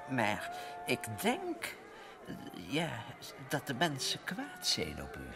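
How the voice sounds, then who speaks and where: A timid royal minister in a children's audio drama, apologetic and stumbling over words. The intonation leaps up and down at a slow pace, with noticeable noise behind it. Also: male voice, mid-range voice, wildly swooping pitch, exaggerated voice. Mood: nervous, deferential. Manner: hesitant, stammering, apologetic. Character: timid, deferential royal minister, anxious male courtier.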